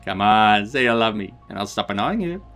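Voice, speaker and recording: A man's voice: on the low side, expressive, fairly quick, a bit bright, soft background music. Guy putting on a nosy big sister voice, teasing and sing-songy, swoops up and down. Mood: playful. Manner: playful, wheedling, nosy. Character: teasing affectionate older sister, young woman.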